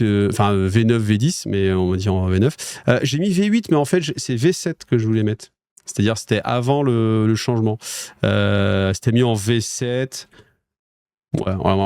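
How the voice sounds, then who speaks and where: A man's voice: on the low side, darkish tone, clean tone, dry recording, clean studio sound. A French man hosting a wargaming news show, chatting casually with viewers in a rambling way, with lots of fillers and restarts. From France.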